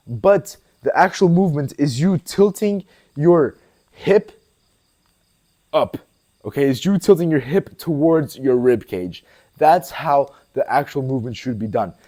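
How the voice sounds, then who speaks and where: This man's voice is a little high and mellow. He's a fitness coach from Portugal in his twenties, bluntly and casually fielding viewer questions in a Q&A vlog, cursing and addressing the viewer as bro.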